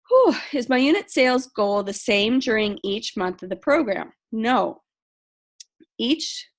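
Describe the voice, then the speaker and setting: A woman's voice: mid-range voice, gravelly. A woman casually walking a sales team through program rules, reading questions aloud and answering them with frequent ums. She says she is losing her voice. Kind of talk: casual training talk.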